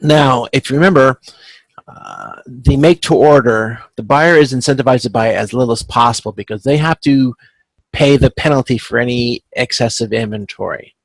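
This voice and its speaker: An instructor with a creaky, mid-range voice gives an animated, explanatory tutorial for a supply chain class at a moderate pace, proceeding informally step by step over video conference. He checks in often with "okay," and the low-quality recording is close and dry with no echo.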